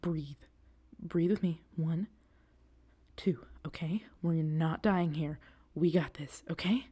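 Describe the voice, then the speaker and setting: Her voice sits low and slightly rough, moving at a slow pace and heavily acted, as a woman performs the part of an excitable, reassuring young girlfriend on a date in audio roleplay. She speaks casually to the listener, mixing hesitant asides with eager repetition, in a mood that is urgent but steadying.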